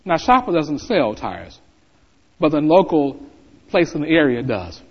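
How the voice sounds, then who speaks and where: A man's voice: fairly high pitch, very animated, a little slow, breathy edge. A middle-aged man preaching a sermon as pastor, building to fervent emphasis. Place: church sanctuary. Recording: reverberant hall, dull lo-fi sound.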